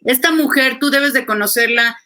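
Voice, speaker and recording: A woman's voice: high-pitched, normal speed, pushed and bright, a little hiss or hum. A woman, a psychoanalyst, talking animatedly on a webinar panel and acting out quoted phrases.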